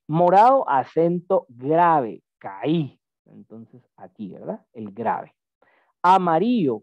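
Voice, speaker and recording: A man with a voice on the high side teaches a Greek lesson in an online class, patient and explanatory, often checking that his student is following. The recording is dry, with tinny, phone-like call audio.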